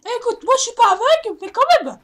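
A prankster using a pitched-up voice changer to play a cheeky, bragging eight-year-old child who taunts and needles. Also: big pitch swings, moderate pace, a bit bright, exaggerated voice. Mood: taunting. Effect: pitched-up voice changer morphing.

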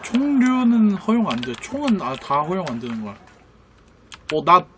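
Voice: mid-range voice, very animated, moderate pace, background noise. A gamer giving casual, insistent commentary to a friend during play, bossing them around and swearing freely. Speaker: gaming video creator playing a battle royale game.

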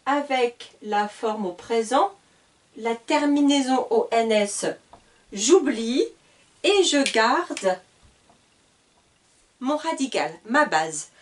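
Woman, teacher, whiteboard lesson, very slow delivery, slightly high voice, spells letters out, a bit distant from the mic. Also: lively intonation. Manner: patient, spells out letters, corrects herself. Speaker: French teacher. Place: classroom at a whiteboard. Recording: voice a little far from the mic.

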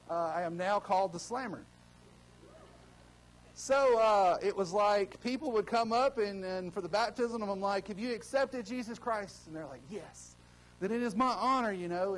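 A man preaching a casual, joking sermon, excitable and full of fillers and restarts. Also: high voice, poor audio. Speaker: guest preacher.

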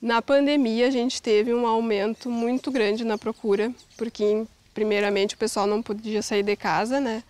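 A woman in her thirties, an organic farmer, calmly explaining her work in an outdoor interview. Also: fairly high pitch, moderate pace, hardly any pauses, no echo. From Brazil. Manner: calm, plain, explanatory. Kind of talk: interview answers. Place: outdoors on a farm.

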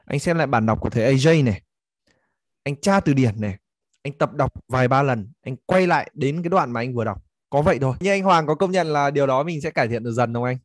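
Male tutor, upbeat and encouraging, patient step-by-step corrections, mid pitch, dry close sound. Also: animated, fast, no room sound. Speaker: English teacher. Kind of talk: one-on-one coaching session.

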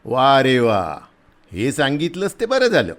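A man playing a big, rough soldier who is blustering but kind, talking loudly in a scolding, teasing way. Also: mid-range voice, wildly swooping pitch, unhurried, voice pushed up.

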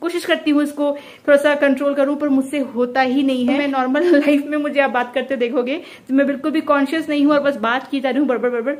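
Picture a young woman talking to her camera at home, words pouring out at a rapid clip. Her voice sits high and bright, and she chats on with a casual, friendly ease. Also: steady tone. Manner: talks very fast, chatty. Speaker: vlogger. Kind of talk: casual home vlog chat.

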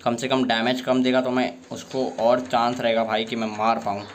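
A young man with a sore throat giving excitable live commentary while playing a fighting game, often bursting into exasperated complaints. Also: mid-range voice, normal speed, a little hiss or hum. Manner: excitable, frequent exasperated outbursts. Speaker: gameplay streamer.

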